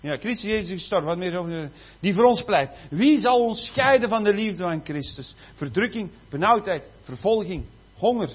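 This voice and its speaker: A man preaching a sermon, dropping to soft asides and then rising to loud, emphatic declarations. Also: high voice, slightly rough. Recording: slightly muffled, faint background noise.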